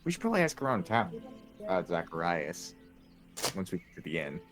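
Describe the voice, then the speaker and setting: A man's voice: low-pitched, big pitch swings, fairly quick, music in the background. A man playing in a tabletop roleplaying game, talking casually in character.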